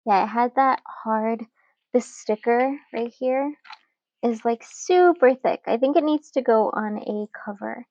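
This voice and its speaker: A young woman talks through her journaling in a slow, unhurried way, her voice sitting a little high. She is relaxed and giggly, with plenty of fillers. The sound is dry and close, with a slightly dull, lo-fi tone. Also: no room sound. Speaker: journaling channel host. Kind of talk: casual chat while journaling.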